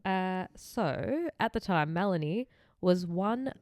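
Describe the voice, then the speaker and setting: A young Australian woman with a slightly low voice talks through a true-crime case, stumbling over names and giggling between facts. The sound is dry and close, with no room around it. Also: lively intonation, slow pace, a little mellow, no echo. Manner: giggly, rambling, reads case notes aloud. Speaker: podcast co-host. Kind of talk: casual true-crime chat.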